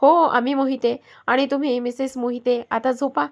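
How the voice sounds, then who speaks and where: Storybook reading: a playful, teasing young fiancé, firm when reassuring; a woman reads him in a higher voice. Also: fairly even intonation, normal speed.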